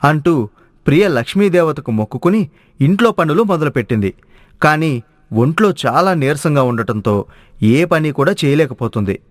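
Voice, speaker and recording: Dry, higher-voiced male storyteller. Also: moderate pace, no room sound. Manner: steady, storytelling. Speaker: narrator. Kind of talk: scripted storybook narration.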